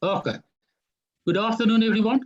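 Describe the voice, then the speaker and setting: A man's voice: sits high, fairly quick, highs cut off. A man from South Africa formally introducing himself on a video call. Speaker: chess federation president.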